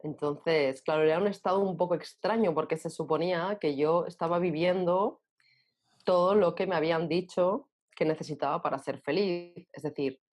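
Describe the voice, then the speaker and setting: A woman, answering interview questions thoughtfully and pausing to find her words. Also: fairly low pitch, darkish tone. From Barcelona, Spain. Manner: thoughtful, searching for words with many pauses and restarts. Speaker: guest author.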